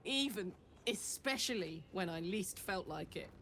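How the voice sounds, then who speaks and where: A woman's voice: lowish voice, expressive, measured pace, vocal fry, a bit bright, exaggerated voice. A woman playing a hardened, wry and candid adventurer companion in a video game, speaking conversationally. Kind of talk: naturalistic video game dialogue. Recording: faint noise, background ambience.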